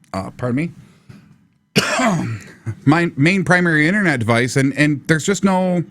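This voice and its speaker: A man's voice: mid-range voice, fairly bright tone, dry recording. A middle-aged man with a stuffy nose from allergies, hosting a casual live tech talk show from his basement studio and rambling with many fillers and restarts. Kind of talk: casual live radio-style chat.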